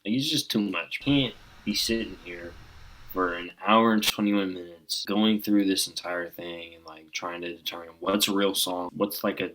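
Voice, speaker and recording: A man co-hosting a casual music review show, speaking in a laid-back way with frequent pauses and fillers. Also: deep voice, a bit bright, slight background noise, poor audio. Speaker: co-host of album review show.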